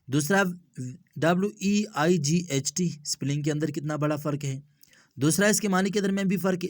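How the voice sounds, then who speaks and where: A man teaching English homophones in a slow, repetitive explanatory lesson, spelling words out letter by letter and mixing English terms into Hindustani with Urdu vocabulary. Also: fairly high pitch, darkish tone, no echo, clean studio sound.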